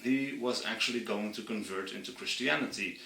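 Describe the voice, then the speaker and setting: Guy explaining history to his channel, bright voice, kinda far from the mic in an echoey room. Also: on the low side, creaky. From Friesland, Netherlands. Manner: earnest, passionate, slows down to stress points. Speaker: channel host. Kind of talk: explainer monologue.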